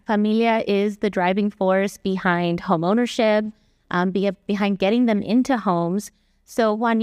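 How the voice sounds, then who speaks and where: A woman's voice: medium pitch, darkish tone, clear, resonant tone, dry recording, clean studio sound. Upbeat woman moderating a panel. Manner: upbeat, encouraging, mixes in Spanish.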